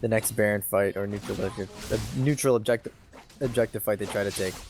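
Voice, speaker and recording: A man giving color commentary on an esports match, breaking down plays and tripping over his words when things get exciting. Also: lowish voice, quick pace. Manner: analytical, stumbles and restarts when excited. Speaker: esports caster. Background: game music.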